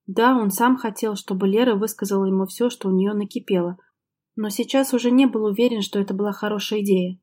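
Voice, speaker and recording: A woman reads a novel aloud with a steady, even narration. Her voice is mellow and warm, sitting at a middle pitch. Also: fairly quick. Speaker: audiobook narrator. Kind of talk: scripted narration.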